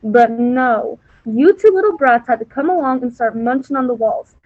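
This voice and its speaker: A woman's voice: fairly high pitch, moderate pace, dry recording, natural voice. A woman playing a crotchety, sly old witch in a comic children's fairy-tale play. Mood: indignant scolding. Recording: thin, phone-like call audio.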